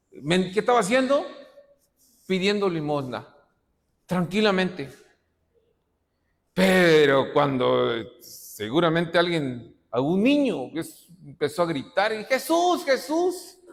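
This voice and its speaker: Man preaching in an echoing hall. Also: on the high side. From Mexico. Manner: preaches with shouted dramatic quotes and rhetorical questions. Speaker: pastor. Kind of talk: sermon. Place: church hall. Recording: long reverb of a church hall.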